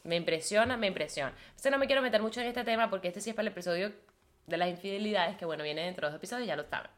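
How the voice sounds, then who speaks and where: A woman's voice: mid-range voice, racing. A young woman with a Venezuelan Spanish accent, hosting a podcast in a blunt, profane, casual confessional monologue full of fillers. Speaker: podcast host.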